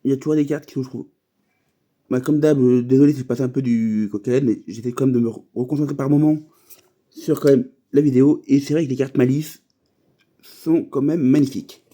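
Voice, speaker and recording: A man's voice: medium pitch, steady tone, fairly quick, dark tone. A man chatting casually while opening trading card packs, rambling from thought to thought with many fillers and restarts.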